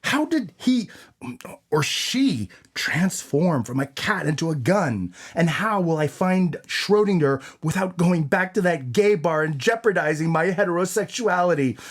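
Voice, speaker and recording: A man playing a brash, dim hard-boiled noir detective in a comedic audio drama, with a tough-guy delivery. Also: a little high.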